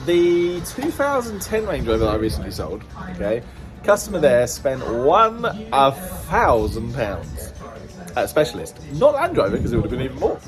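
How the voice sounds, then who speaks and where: A British man chatting casually for a vlog about his own work, playful and jokey, slipping into silly baby-talk words. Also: mid-range voice. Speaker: car dealer filming a repair vlog.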